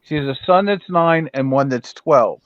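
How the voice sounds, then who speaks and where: A man's voice: on the high side, normal speed, no echo, muffled recording. A man in his fifties making his point on a casual live chat, earnest and persistent. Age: 50s.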